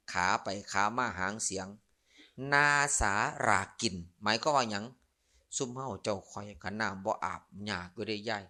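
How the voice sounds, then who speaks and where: With a fairly low pitch and sharp tone, a Buddhist monk speaking in a Northeastern Thai Isan accent jokes and tells stories through a humorous Dharma sermon. He tosses playful asides to his listeners.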